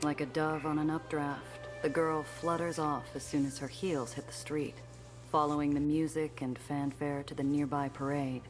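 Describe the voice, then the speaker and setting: An actor playing a cynical, world-weary noir detective who narrates his own case in a brooding, measured way for a video game. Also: fairly high pitch, faint music behind, natural voice. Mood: wry, weary. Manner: hard-boiled, brooding, flatly measured.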